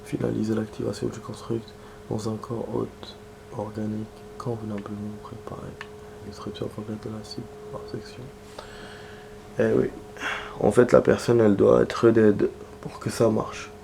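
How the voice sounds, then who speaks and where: A gaming streamer with a cold reads in-game text aloud and chats casually as he plays, clearing his throat now and then. His delivery is low, flat and gravelly, with muttered asides, at a moderate pace over background noise.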